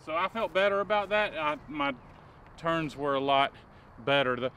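A man's voice: on the high side, big pitch swings, normal speed, gravelly, sharp tone. A laid-back, joking man chatting casually outdoors in a grassy yard. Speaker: show regular. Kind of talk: casual chat. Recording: outdoor noise.

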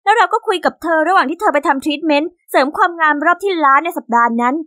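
A young woman narrating an animated story in a chatty, exasperated teen manner. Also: very high voice, racing, dry recording, clean studio sound.

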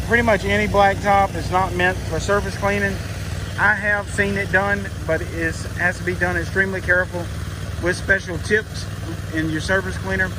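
A man giving a folksy, instructional talk outdoors in a parking lot, full of fillers, while a pressure washer runs. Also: sits high. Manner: casual, folksy, with frequent fillers. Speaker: pressure washing business owner and trainer. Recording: outdoor clip with loud pressure-washer noise.

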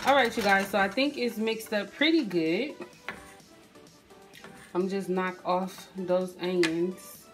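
A woman's voice: mid-range voice, a bit bright. A woman, chatting casually as she walks viewers through a recipe in her home kitchen, recorded on a phone camera. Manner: chatty, addresses viewers as "you guys" and "y'all", frequent "um". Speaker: cooking vlogger. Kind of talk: casual cooking tutorial narration. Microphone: phone camera at the stove.

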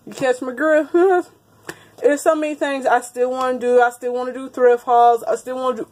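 A woman in her thirties talks to the camera like an old friend, chatty and quick to laugh. Her voice sits a little on the high side. She is recorded close on a phone in a small indoor room. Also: fairly even intonation, darkish tone. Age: 30s. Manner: chatty, laughs often, talks straight to viewers. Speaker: vlogger. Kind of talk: casual chat to camera. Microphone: phone camera held close.

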